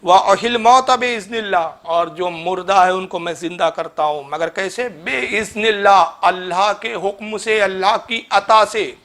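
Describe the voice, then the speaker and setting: A man's voice: sits high, a bit bright. A man giving a polemical religious lecture, reproachfully addressing his opponent and chanting Arabic verses. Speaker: Islamic cleric.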